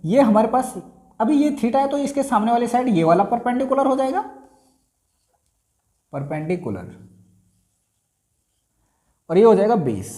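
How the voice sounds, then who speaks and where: Male maths tutor, animated delivery, drills terms by repetition, echoey room. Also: high-pitched. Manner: repeats key terms slowly, quizzing himself aloud. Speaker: maths teacher. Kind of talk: classroom lesson at a board. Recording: roomy echo.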